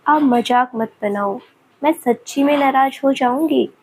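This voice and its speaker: A woman's voice: fairly high pitch, steady tone, slow, vocal fry, darkish tone, a little hiss or hum, poor audio. A woman voicing an emotional young woman in a storybook romance, speaking in a tearful, pleading way. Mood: pouting.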